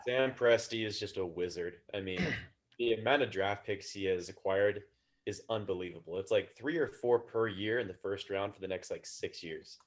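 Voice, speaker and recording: A man's voice: on the low side, normal speed. A young man co-hosting a casual sports podcast, hesitant and thinking aloud. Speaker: podcast co-host.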